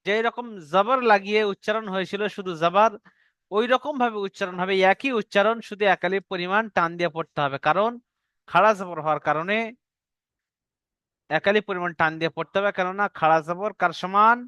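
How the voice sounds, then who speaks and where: A man teaches Arabic letter reading in a recorded online lesson, his high-pitched voice brisk, pushed and bright, smooth, with no room sound. He patiently drills the rules, has learners repeat after him, and stretches out the letter sounds as he recites.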